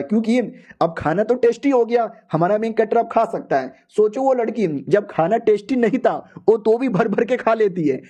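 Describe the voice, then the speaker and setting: High-voiced slangy young man recapping a comic. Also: warm tone. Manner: slangy, joking, profane. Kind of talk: casual comic story recap.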